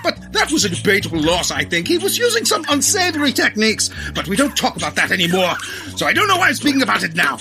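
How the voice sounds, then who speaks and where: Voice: huge pitch swings, quick pace, music in the background. Blustery, exuberant Theodore Roosevelt caricature. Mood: blustery bravado. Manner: pompous, booming exclamations and hearty chuckles. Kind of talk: comic audio drama acting.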